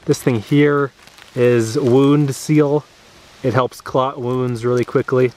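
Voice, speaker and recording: Relaxed chatty man showing his kit. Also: medium pitch, takes it slowly, a little hiss or hum. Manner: relaxed, chatty, lots of uh fillers. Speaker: vlogger. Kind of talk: casual show-and-tell. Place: outdoors in a grassy clearing by trees.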